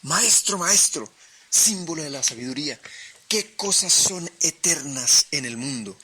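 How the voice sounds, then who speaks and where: A man from Colombia telling short tales on the radio with expressive, dramatic pauses. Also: on the high side, husky. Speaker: storyteller. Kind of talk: oral storytelling on radio.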